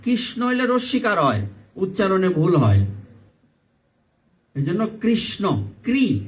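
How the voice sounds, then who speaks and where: A man with a Bangladeshi Bengali accent delivers a devotional sermon to a live crowd, his voice sitting a little high. He repeats words to drill their pronunciation and breaks into chanting. He sounds set back from the microphone. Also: very animated, measured pace, far from the mic. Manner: teaches by repetition, drilling pronunciation and chanting aloud. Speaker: preacher.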